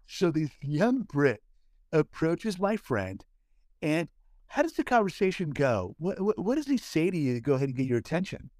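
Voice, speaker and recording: A man's voice: fairly high pitch, sing-song, moderate pace, a little mellow, no echo. A man co-hosting a podcast who leads the conversation, hypes up his friend and often restarts his sentences. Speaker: podcast co-host. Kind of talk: casual chat, leading the story.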